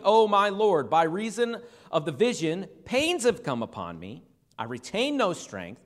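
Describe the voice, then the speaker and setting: A male pastor with a high voice preaches a Bible-teaching sermon. He talks to the congregation in a conversational way and drops in humorous asides. His voice rings out in a large hall with a long reverb. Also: fairly bright tone.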